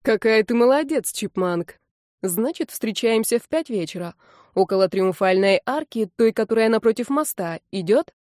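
A woman's voice: a little high, animated, moderate pace, a little mellow, no echo, clean studio sound, lightly acted. A woman reading an audiobook, voicing the light, joking messages of a young man.

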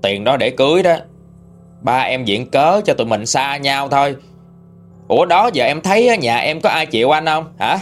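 A man's voice: mid-range voice, expressive, moderate pace, soft background music, natural voice. A man voicing a domineering, callous young boyfriend who bullies and threatens. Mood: scornful. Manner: bullying, threatening.

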